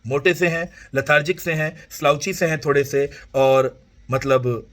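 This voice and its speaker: A male English teacher explaining a play to students, retelling it in an animated way and mixing languages. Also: a little high, measured pace. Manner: animated storytelling, mixes Hindi and English.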